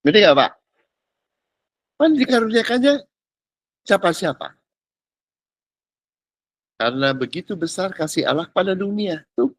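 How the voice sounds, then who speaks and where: A man preaching an informal class, his voice sitting high and jumping around a lot. He talks in chatty, teasing bursts and keeps checking that people follow. The sound is close and dry. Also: a little slow, long pauses, dry recording. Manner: animated, colloquial, peppered with English words and "ngerti nggak?". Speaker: pastor. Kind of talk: informal teaching sermon.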